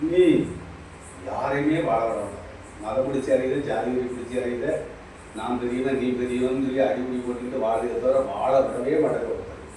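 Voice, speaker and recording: A man's voice: medium pitch, fairly even intonation, brisk, dark tone. A man giving an impromptu spiritual talk as a teacher, preaching with lots of repetition and questioning his listener directly. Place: small shop. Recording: very echoey, distant mic, faint noise.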